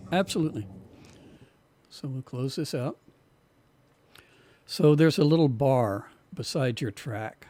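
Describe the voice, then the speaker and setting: A man teaches an online recording class in a dark, mellow voice that is a bit worn from losing it. His talk is relaxed and loose, with repeated words as he explains. The sound is dry and close. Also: medium pitch, takes it slowly, long pauses, no room sound. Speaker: music production instructor.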